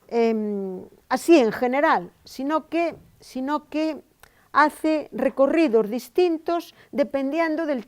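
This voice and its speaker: A woman's voice: fairly high pitch, a little mellow. A middle-aged woman giving a university lecture, often repeating phrases and checking in with her audience. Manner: repeats phrases, tags sentences with "¿no?" and "¿eh?". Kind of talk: academic conference talk.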